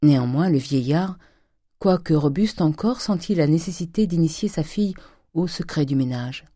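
Brief: audiobook narrator, mellow dark voice, dry close recording, steady reading. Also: medium pitch, moderate pace, dry recording. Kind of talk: audiobook reading of a classic novel.

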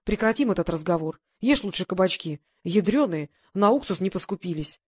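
A woman's voice: lowish voice, lively intonation, a little fast, slightly rough. A woman reading an audiobook, voicing a blunt, protective grown man who gives firm, clipped orders. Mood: stern.

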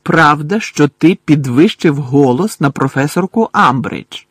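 A man's voice: a little high, expressive, measured pace, fairly bright tone, husky, dry recording, studio quality, heavily acted. A man voicing a strict older female professor who asks clipped, commanding questions. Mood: stern.

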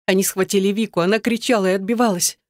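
A terrified young woman whispers and pleads for help while trapped, as the woman reading the story voices her. Her voice sits a little higher and trembles with fear. It is recorded close and dry. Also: steady tone, quick pace, a little mellow, no echo, lightly acted. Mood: frightened, pleading.

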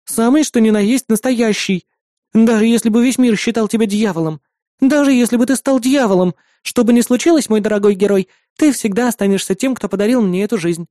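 A man's voice: high voice, a little fast, mellow, no echo, studio quality, pitched above the performer's own voice, natural voice. A man voicing a sweet, devoted young girl, the narrator's little sister, who talks in an affectionate, pleading way.

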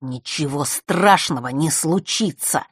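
A woman's voice: on the low side, lively intonation, moderate pace, husky, no room sound, studio quality. Storybook role: a stubborn boy refusing to go home, voiced by a woman reader. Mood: defiant. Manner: snapping and defiant. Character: stubborn defiant runaway boy, Fesh.

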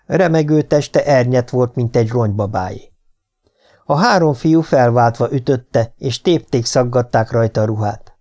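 Audiobook narrator, man, warm dark timbre, dramatic delivery. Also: medium pitch. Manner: dramatic storytelling. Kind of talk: scripted narration.

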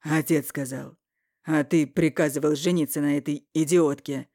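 A woman voicing a scheming, mocking young man in an audiobook, speaking loudly and evasively. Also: sits low, fairly even intonation, moderate pace, no room sound, studio quality. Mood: defiant. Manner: loud, evasive, sneering. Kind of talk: audiobook character reading.

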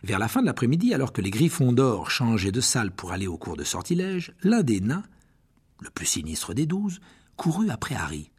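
A man reading an audiobook as narrator, in expressive scripted storytelling. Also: mid-range voice, normal speed, husky.

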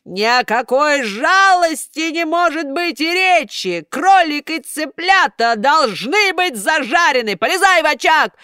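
A woman voicing a big bearded puppet master who bellows loudly and sneezes explosively. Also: on the high side, expressive, takes it slowly, no room sound, studio quality, voice pushed up. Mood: blustering.

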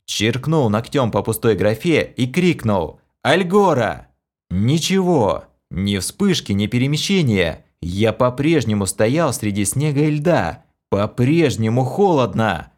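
A man's voice: mid-range voice, expressive, measured pace, hardly any pauses, darkish tone. A man narrating a first-person fantasy audiobook with an intense, dramatic reading.

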